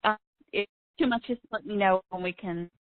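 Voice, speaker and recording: A woman calling in to a show, talking haltingly while her phone line keeps breaking up. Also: mid-range voice, no echo. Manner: halting, hesitant. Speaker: caller. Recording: tinny, dry phone line cutting in and out.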